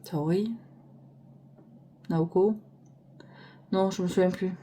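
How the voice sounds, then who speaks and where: A tarot deck reviewer casually shows off her decks, rambling and pausing aloud while she hunts for names, filmed on a phone mounted on a holder arm. Her lowish voice is slow and dark-toned with fairly even intonation.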